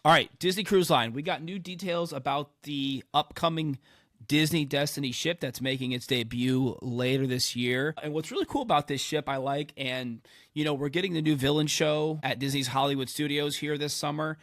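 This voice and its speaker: A man's voice: on the high side, normal speed, a bit bright, no echo, clean studio sound. A man hosting a podcast in a casual, chatty way while getting over a head cold. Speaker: podcast host.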